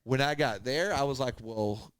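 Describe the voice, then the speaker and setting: A man with a mid-range, clear and resonant voice speaks at a moderate pace as a podcast host swapping casual anecdotes. He animatedly acts out what people said and swears freely in this chatty storytelling.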